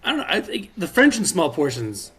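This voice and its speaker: Podcast co-host, male, a bit high-pitched; loose, rambling, laughs a lot, curses casually. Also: huge pitch swings, fairly quick, a bit bright, slightly rough. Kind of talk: casual chat.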